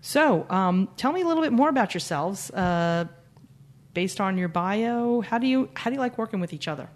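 A woman's voice: mid-range voice, animated, moderate pace. A woman co-hosting a podcast, chatting casually and introducing guests with wry, joking asides. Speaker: podcast co-host.

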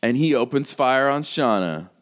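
A man's voice: mid-range voice, lively intonation, moderate pace. A man narrating a tabletop game as game master, casual and swearing freely. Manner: casual, swearing, laughing often.

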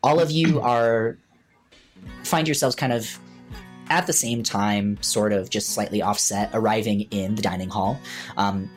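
A man narrating a tabletop game as game master, slow and hesitant with many fillers. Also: fairly low pitch.

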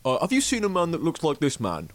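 A man's voice: a little high, huge pitch swings, fast talker, no room sound. A man playing a tabletop game, hesitant and full of ums. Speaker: player. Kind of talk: casual tabletop play.

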